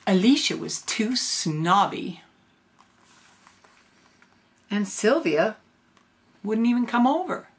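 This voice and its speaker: An older woman reads a picture book aloud like a storytelling grandma, adding casual asides along the way. Her creaky voice moves through lively pitch swings, and she never hurries.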